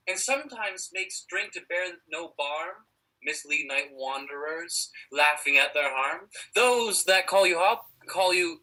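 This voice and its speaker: A man playing a curious, excited fairy servant in theatrical, declamatory Shakespearean stage verse. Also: on the high side, full character voice, poor audio.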